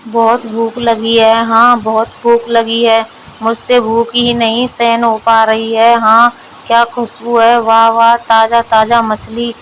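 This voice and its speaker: A woman reading a storybook aloud, voicing a lazy, greedy young village wife in a flat, even way. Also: a little high, slow, slight background noise, rough recording. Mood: ravenous.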